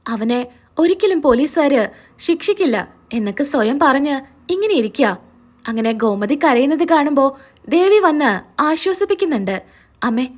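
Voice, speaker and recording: A woman casually narrating a TV serial recap, describing each scene and reading out all the characters' dialogue herself. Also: sits high.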